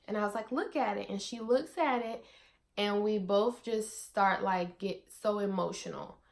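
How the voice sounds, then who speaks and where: A woman's voice: mid-range voice, unhurried, creaky. Chatty young woman vlogger. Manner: chatty, many "like" fillers, addresses viewers as you guys. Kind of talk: casual storytelling to camera.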